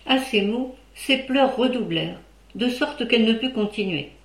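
A woman reading a classic novel aloud in a steady, clear storytelling manner. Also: on the high side, moderate pace. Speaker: audiobook reader. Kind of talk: scripted narration. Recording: roomy echo.

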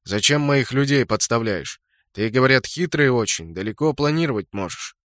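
A man's voice: mid-range voice, expressive, moderate pace, a bit bright, dry recording, clean studio sound, lightly acted. A man voicing a blunt, short-tempered male clan leader in an audiobook, barking orders. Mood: grumbling. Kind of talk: audiobook character voice.

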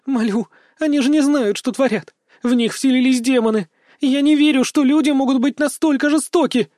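A man's voice: extremely high pitch, normal speed, darkish tone, no room sound, clean studio sound, voice pushed up. A man voicing a young captive girl who pleads and cries out in terror, in an audiobook. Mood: desperate pleading.

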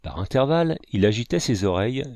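A man reading a classic novel aloud as the narrator, at a steady, measured pace. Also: mid-range voice, no room sound, studio quality. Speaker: audiobook narrator. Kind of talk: scripted narration.

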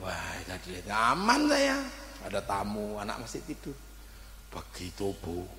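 Male preacher, comic sermon, very animated pitch, echoey hall. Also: unhurried, background noise. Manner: animated comic storytelling with audience laughter. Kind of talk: humorous religious sermon. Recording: echoey hall with long reverb.

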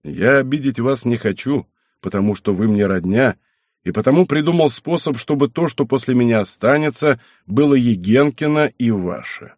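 A man reading an audiobook, voicing a hot-tempered, domineering old abbot who blusters and shouts. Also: medium pitch, expressive, dry recording, studio quality, lightly acted. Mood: stern. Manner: blustering, shouting, quick to anger.

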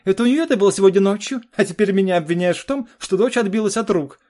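A man voicing a sharp-tongued, defiant middle-aged wife in an audiobook, speaking in a sneering, biting way. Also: on the high side, expressive, moderate pace, gravelly, breathy edge, pitched above the performer's own voice, heavily acted. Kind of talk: audiobook reading.

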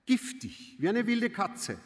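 A man's voice: high-pitched, big pitch swings, takes it slowly, pitched above the performer's own voice, exaggerated voice. A man voicing a mocking, venomous female serving maid in a read-aloud play. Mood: spiteful. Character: spiteful young serving maid, woman. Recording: long hall reverb.

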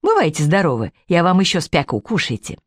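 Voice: mid-range voice, wildly swooping pitch, brisk, no echo. Pious old peasant woman, as a male reader puts her on, rural dialect, dry recording. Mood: chatty.

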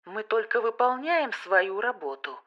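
A woman voicing a gruff, dismissive male police major who speaks coldly and curtly. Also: medium pitch, lively intonation, moderate pace, dull audio, close to an everyday voice. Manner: curt, cold, dismissive.

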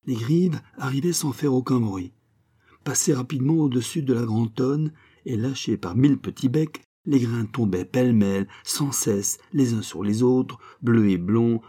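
Man reading a literary tale, low and mellow. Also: slightly rough. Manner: measured, expressive narration. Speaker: narrator.

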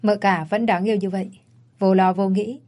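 A woman's voice: medium pitch, fairly even intonation, normal speed, warm tone, close to an everyday voice. A woman voicing a deferential, chatty young female housekeeper in an audio story.

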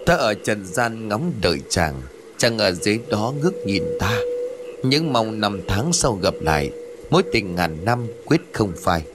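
A man's voice: lowish voice, big pitch swings, a little slow, noisy background. A man voicing the mournful, cold ghost of a young woman in an audio ghost story.

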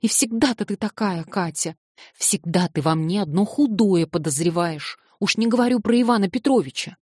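A woman voicing an excitable, naive young man who protests plaintively, reading an audiobook. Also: mid-range voice, moderate pace, breathy edge, dry recording, clean studio sound.

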